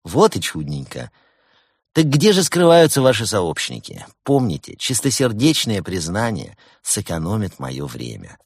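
A man voicing an animal police lieutenant playing good cop, calm and falsely sweet. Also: fairly low pitch, a little slow, vocal fry, breathy edge, dry recording, clean studio sound, heavily acted. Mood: soothing. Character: same animal lieutenant turned soft, sugary good cop. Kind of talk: audiobook character voice.

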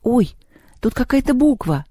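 The narrator of an audiobook voicing an anxious, clever schoolgirl who speaks in excited exclamations. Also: mid-range voice, normal speed, no room sound, clean studio sound, voice pushed up, close to an everyday voice. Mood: eager.

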